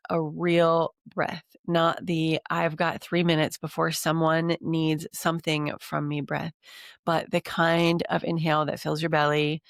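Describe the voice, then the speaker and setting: A woman with a deep, creaky voice hosts a coaching podcast, speaking earnestly and encouragingly despite a cold that leaves her congested. She repeats lists for emphasis throughout the monologue, recorded with studio quality and no echo.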